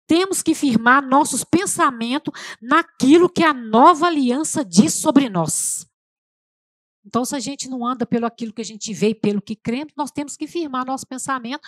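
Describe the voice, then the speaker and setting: A woman's voice: sits high, moderate pace, a bit bright, dry recording. A middle-aged woman with a Brazilian accent, preaching an emotional testimonial sermon in church and often calling out to the congregation. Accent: Brazilian Portuguese. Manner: emotional, conversational, addresses audience as "gente".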